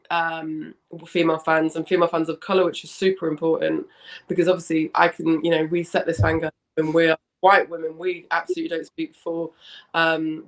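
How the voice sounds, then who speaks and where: A young woman, hoarse from a cough with a slight smoker's rasp, chatting in a rambling, self-correcting way as an interview guest. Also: deep voice, low-quality recording. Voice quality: slightly husky, smoky rasp. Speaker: interview guest, founder of a women's football fan community. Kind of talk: casual interview chat.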